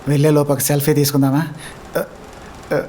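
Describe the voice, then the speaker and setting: A man in a dubbed film comedy scene, pleading fearfully and then mocking with quick, excitable delivery. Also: a little high, a little hiss or hum. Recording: film soundtrack with music behind.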